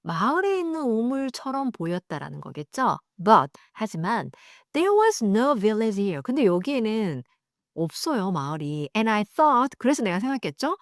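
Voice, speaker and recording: A woman whose first language is Korean, leading an English reading lesson. She reads the English lines slowly, then explains them in quick, chatty asides. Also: on the high side, sing-song, no room sound, studio quality. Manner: acts out sounds and voices. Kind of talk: bilingual read-aloud lesson.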